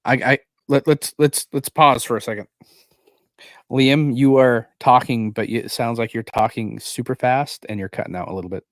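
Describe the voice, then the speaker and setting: A man's voice: mid-range voice, steady tone, dry recording. Dude cohosting a stream, keeps tripping over his first words, dry mic. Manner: halting, repeats words when starting a sentence. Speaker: podcast co-host. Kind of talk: casual chat on a livestreamed podcast.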